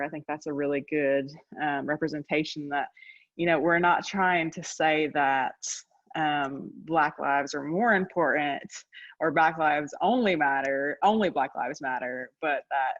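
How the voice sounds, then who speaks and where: A woman's voice: low-pitched, dull audio. A woman from North Carolina, a professor, moderating a video call with a hesitant manner and many ums. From North Carolina, United States.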